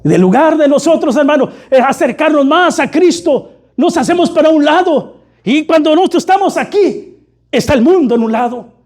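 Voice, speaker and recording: A man's voice: extremely high pitch, animated, normal speed, a little mellow. A man preaching a fervent sermon, constantly calling his listeners brother. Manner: fervent, repeatedly addressing "hermano".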